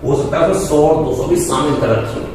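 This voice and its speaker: A man's voice: mid-range voice, fairly quick, darkish tone, distant mic, a little hiss or hum. A man teaching math, working through exam problems step by step and repeating each number aloud as he calculates. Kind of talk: classroom lesson explaining exam problems. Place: coaching classroom. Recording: echoey room, voice off-mic, faint ambience.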